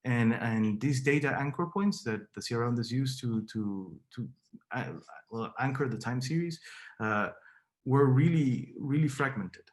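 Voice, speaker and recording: A young Peruvian man, a Spanish speaker with a Peruvian accent, gives an academic seminar as a PhD candidate. His medium-pitched voice moves at a measured pace, and his talk is full of fillers and repeated words.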